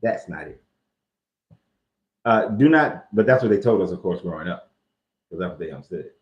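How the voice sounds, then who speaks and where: A man hosts a loose, joking commentary on scripture, full of slang and cursing. His voice is low, animated and quick, and the room sound is echoey, dull and lo-fi.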